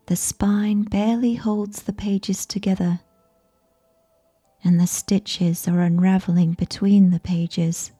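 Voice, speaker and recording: A woman reads a sleep story softly, as if right in your ear. Her voice is very dark and mellow, breathy and half-whispered. She takes her time with every phrase, keeping it gentle and soothing. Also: medium pitch, steady tone, takes it slowly. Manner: whispery, close in the listener's ear. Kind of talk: soft ASMR scripted bedtime narration.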